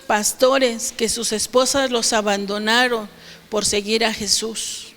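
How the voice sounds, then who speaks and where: A woman's voice: fairly high pitch, fairly even intonation, slow, a bit bright, in a large hall, faint music behind. A woman pastor preaching a sermon, asking the congregation questions and acting out quotes.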